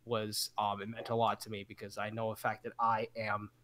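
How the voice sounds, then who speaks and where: A man's voice: on the low side, monotone, a bit bright, slight background noise. Earnest young man in casual chat. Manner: earnest, halting with restarts. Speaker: podcast co-host.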